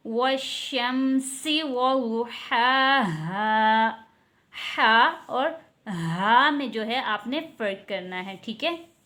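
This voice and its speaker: A woman's voice: fairly high pitch, animated, slow pace, pushed and bright. A woman teaching Quran pronunciation, explaining patiently and stretching out letter sounds to model them. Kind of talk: online tajweed lesson.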